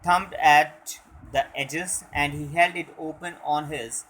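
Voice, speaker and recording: A young man teaching, reading a story aloud and then explaining it line by line, with halting explanations full of fillers. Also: on the high side, steady tone, a bit bright, a little hiss or hum, poor audio.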